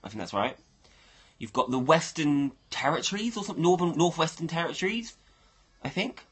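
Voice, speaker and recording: Husky-voiced man chatting on a livestream. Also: fairly high pitch, expressive, brisk. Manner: rambling, thinking aloud to viewers. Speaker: livestream host. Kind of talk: casual livestream chat.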